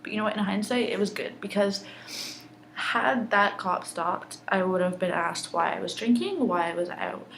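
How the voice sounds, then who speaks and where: A woman's voice: mid-range voice, expressive, moderate pace, vocal fry, fairly bright tone, low-quality recording. Young woman, angry personal vlog rant, mid-range voice, slight background noise. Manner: angry, intense, heavy swearing. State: upset.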